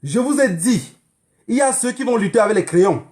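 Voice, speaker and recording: This online activist livestreamer has a high, slightly mellow voice with lively intonation and a brisk pace. Speaking with a Cameroonian accent, he lectures his viewers in a political monologue, admonishing them emphatically with repeated phrases and rhetorical questions.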